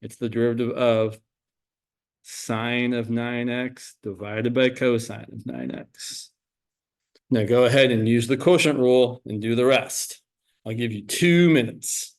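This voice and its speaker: Uomo, insegnante che dirige una prova come un sorvegliante d'esame. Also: male voice, mid-range voice, fairly even intonation, measured pace. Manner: exam proctor calling out time limits and instructions; informal, coaching students directly. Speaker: calculus instructor running a timed exam review. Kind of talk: classroom maths lesson, explaining worked problems step by step.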